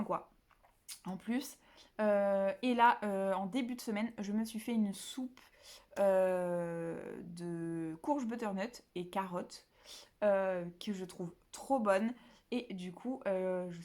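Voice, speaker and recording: A woman's voice: mid-range voice, takes it slowly, darkish tone. Chatty, rambling French booktube woman. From southern France. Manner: chatty, rambling, many fillers and restarts. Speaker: book vlogger. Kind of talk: casual chat to camera.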